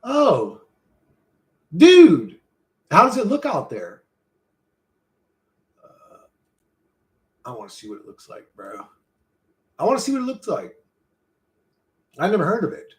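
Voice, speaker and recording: Speaking slowly with frequent pauses, this man has a high voice that swings wildly in pitch. He's live streaming and shooting the breeze with his audience, cursing liberally and tossing out "bro" again and again. His talk wanders as he reads chat messages and responds to them.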